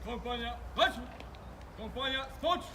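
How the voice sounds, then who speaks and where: A man shouts parade-ground orders outdoors, each word stretched out very slowly and forced up to a strained, very high pitch. He is heard from far off at a memorial ceremony. Steady outdoor ambience hums underneath. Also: noisy background. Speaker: military commander. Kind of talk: drill commands.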